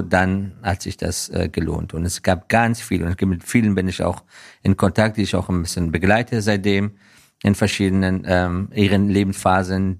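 A business professional from Afghanistan speaks as an interview guest in a low, creaky voice. He is earnest and reflective, and his sentences halt and restart while he searches for the next phrase.

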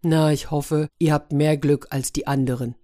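Lady reading a cranky talking turtle, actually a cursed guy, low voice, sarcastic, storybook. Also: steady tone, normal speed, dark tone, lightly acted. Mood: grumpy. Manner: irritable, sarcastic. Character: grumpy enchanted man in a turtle body.

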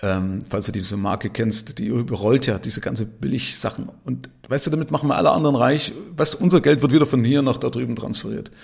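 His mid-range voice is gravelly, and he talks at a brisk clip with few pauses. He's a podcast host in his fifties doing a casual solo monologue, emphatic and conversational, with plenty of tag questions.

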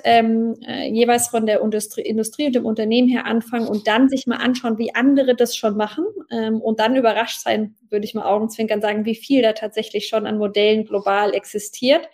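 Nachdenkliche deutsche Expertin im Interview. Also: female voice, a little high, a little mellow. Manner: many fillers, explanatory and thoughtful. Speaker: blockchain expert guest. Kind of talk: spontaneous interview answers.

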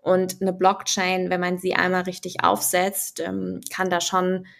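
A young woman talks through her ideas as an interview guest, pausing often with fillers and restarting sentences. Her voice sits low and stays fairly flat in tone. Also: gravelly. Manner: thoughtful, many fillers and restarts, explanatory. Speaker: guest, finance and crypto expert. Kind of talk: conversational podcast interview.

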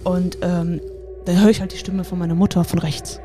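A young woman casually telling a spooky personal story, lively and full of fillers and laughs. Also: lowish voice, moderate pace, music in the background.

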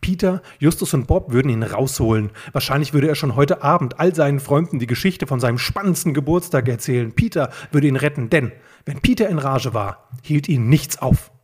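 A man narrating a fan-made detective story as an audiobook reading, steady and plain. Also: medium pitch, brisk, hardly any pauses, breathy edge.

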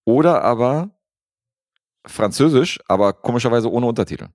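A man co-hosting a podcast, reviewing a film in a relaxed, rambling way with lots of fillers. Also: mid-range voice, normal speed, no echo, clean studio sound. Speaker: podcast co-host reviewing films. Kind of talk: casual chat.

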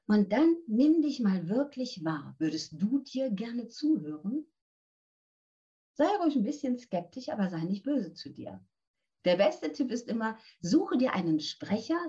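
A woman's voice: medium pitch, dark tone. Woman in her 50s, voice coach giving tips, earnest and direct, slightly muffled lo-fi sound. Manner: earnest, direct, addresses listener with instructions. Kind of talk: interview answers, coaching tips.

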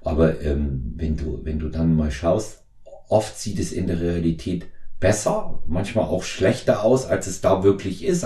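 A man in his fifties hosting a podcast interview, talking in a halting way with many fillers and restarts. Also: deep voice, mellow, reverberant. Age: 50s. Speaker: podcast host. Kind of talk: conversational interview.

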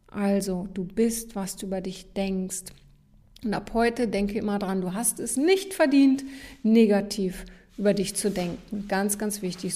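A woman hosting a motivational podcast, speaking straight to the listener in an encouraging way and often checking in with a quick "ja?". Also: mid-range voice, mellow. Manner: encouraging, addresses listener directly, frequent "ja?" tags. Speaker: podcast host, motivational coach.

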